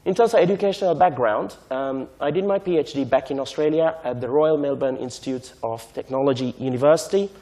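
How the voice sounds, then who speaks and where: A man, giving a measured, explanatory lecture to a conference audience and often checking in with "right?". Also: medium pitch, mellow. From Sri Lanka. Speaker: invited speaker on technology transfer.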